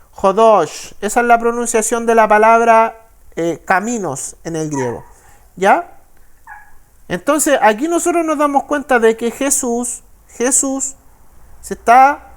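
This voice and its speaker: A man with a Chilean Spanish accent, a pastor teaching the Bible in a sermon. He reads verses slowly and keeps checking with listeners. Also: very high voice. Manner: frequent tag questions, slow deliberate verse reading.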